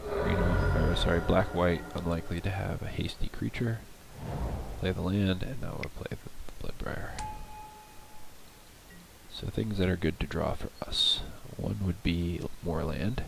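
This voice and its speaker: A man's voice: deep voice, a little slow, creaky, noisy background. A man with a nasal voice from a cold, casually commentating his card game and thinking aloud with many hesitations.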